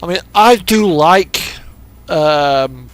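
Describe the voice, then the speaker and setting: A man with a higher-than-average voice and lively intonation talks extremely slowly, rambling casually and hesitantly as he thinks aloud through his gameplay. He hosts a truck simulator gaming video, with in-game radio music playing behind him, and the recording quality is poor.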